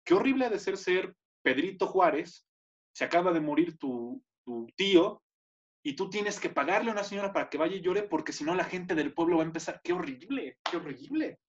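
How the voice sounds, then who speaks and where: A man's voice: high voice, lively intonation, a little fast, dull audio. A young Mexican man co-hosting a podcast, ranting with playful mock outrage and joking with his co-host. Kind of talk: casual chat.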